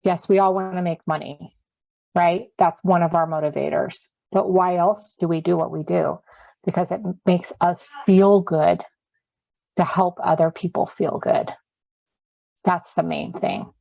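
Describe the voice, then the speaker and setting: Female group coach, lowish voice, earnest and encouraging, dull dry lo-fi audio. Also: fairly even intonation, measured pace, vocal fry.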